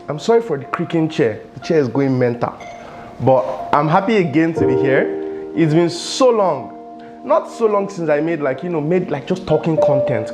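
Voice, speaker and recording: A young Nigerian man with a Nigerian accent, hosting a casual talking-head vlog. He talks in an animated, chatty way with lots of fillers, recorded on a lapel mic in a home studio room. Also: mid-range voice. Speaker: vlogger host.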